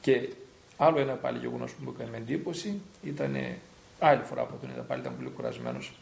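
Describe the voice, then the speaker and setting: A man's voice: mid-range voice, big pitch swings, creaky, darkish tone. A man, a priest, earnestly recalling an elder in a documentary interview. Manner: earnest, reflective storytelling. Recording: roomy echo.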